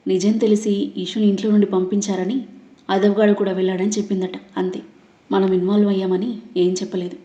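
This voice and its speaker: A cool, calculating young man who speaks calmly and evenly, as a woman narrator reads him. The voice is dark and mellow, with roomy echo. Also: medium pitch, fast, muffled recording, close to an everyday voice. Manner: calm, cool.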